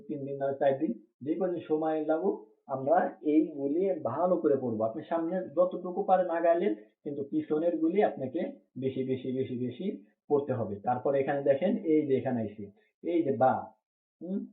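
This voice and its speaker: A patient male teacher walks through letter names one at a time, repeating each pair and pausing to check understanding. The sound is thin and phone-like, with a hollow, echoey ring around the voice. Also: fairly high pitch. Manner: repeats each letter name slowly, asks checking questions. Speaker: Quran reading teacher. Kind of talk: patient step-by-step letter drill.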